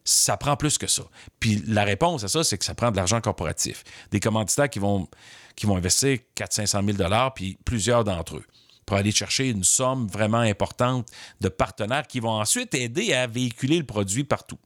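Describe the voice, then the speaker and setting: A man with a Quebec French accent hosting a podcast, giving measured, opinionated commentary on the business of sports. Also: fairly low pitch, expressive, no echo, clean studio sound. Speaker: podcast host.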